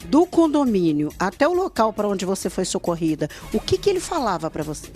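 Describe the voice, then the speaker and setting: A woman TV interviewer speaks fast with a lively, rising and falling voice, cutting in with brief questions to steer her guest's story. Faint music runs behind her. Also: medium pitch.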